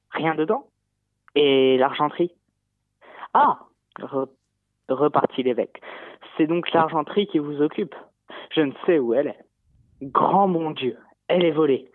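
A young pupil calling in to the radio class and reading a passage aloud carefully, articulating each word. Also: male voice, mid-range voice, no room sound. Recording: tinny phone line.

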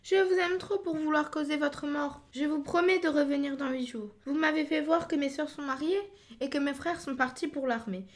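A woman voicing a gentle, earnest young heroine in a fairy-tale reading, speaking up and pleading. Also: high voice, moderate pace, lightly acted.

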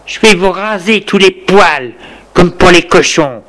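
A man voicing a stout, cheerfully sadistic female nurse who gloats slowly. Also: sits high, animated, a bit bright, pitched above the performer's own voice. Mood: relishing. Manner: gloating, slow and relishing.

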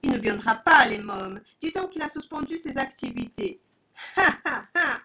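A woman's voice: on the high side, wildly swooping pitch, moderate pace, creaky, bright, forceful tone, husky, pitched above the performer's own voice, full character voice. Woman playing a haughty villain rooster. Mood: gloating. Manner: mocking, haughty, gloating.

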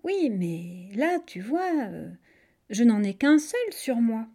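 A woman voicing a clever, quick-thinking male monkey in a storybook reading. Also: a little high, very animated, warm tone, exaggerated voice. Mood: breezy. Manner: breezy, casual, mocking.

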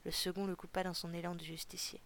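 Gravelly, low-voiced woman narrator. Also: flat delivery, fast talker, fairly bright tone, slight background noise. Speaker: narrator reading a novel. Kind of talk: audiobook reading.

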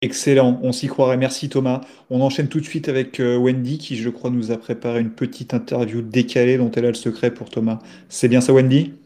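A man's voice: mid-range voice, level tone, fairly quick, hardly any pauses, mellow. A man hosting a comedy show, upbeat as he links the segments. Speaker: host.

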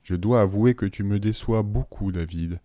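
A man voicing a cold, sinister male deputy headmaster who speaks slowly, softly and with menace. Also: on the low side, no room sound, clean studio sound, natural voice. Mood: menacing. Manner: slow, soft and menacing.

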